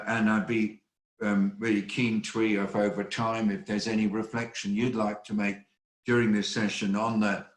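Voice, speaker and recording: An older man hosting an online briefing, speaking in a measured, earnest way with frequent hesitations. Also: fairly low pitch, roomy sound. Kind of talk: spoken briefing remarks. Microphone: video call.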